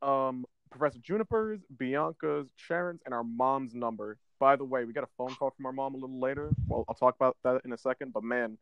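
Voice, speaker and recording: A man's voice: mid-range voice, fairly quick, few pauses, clean tone, dull audio. A man co-hosting a casual gaming podcast, rambling along and often tripping over his words. His voice sits in a middle register. The sound is dry and close, with no room echo. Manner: rambling, stumbles and restarts often. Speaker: podcast co-host. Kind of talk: casual chat about a video game.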